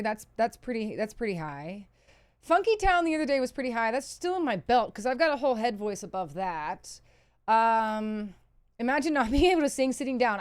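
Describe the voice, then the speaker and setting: Sitting at a PC indoors, a woman chats casually on a livestream, fielding questions from her chat in a candid, self-deprecating and sweary manner. Her voice is fairly high, with no room sound.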